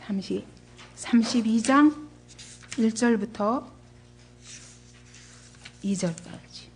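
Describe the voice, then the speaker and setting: A woman's voice: fairly high pitch, very slow, a little hiss or hum. A woman pastor preaching a sermon to a congregation, asking them questions and acting out the voices she quotes. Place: church.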